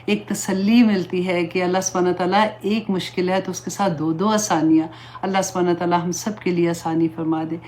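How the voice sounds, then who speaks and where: A woman's voice: on the low side, steady tone, darkish tone, slight background noise. A woman Islamic teacher giving an earnest, pleading religious talk, slipping English words into her speech.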